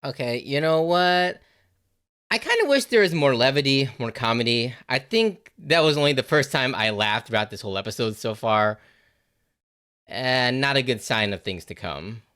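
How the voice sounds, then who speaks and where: A man giving casual, animated reaction commentary on a TV episode, swearing freely and saying "like" and "you know" a lot. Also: mid-range voice, normal speed, smooth. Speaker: reaction video host.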